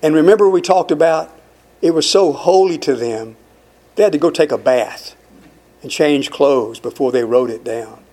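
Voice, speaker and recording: A man preaching a sermon, slow and emphatic, building repeated refrains and putting questions to his listeners. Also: on the high side, mellow. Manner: asks the audience questions.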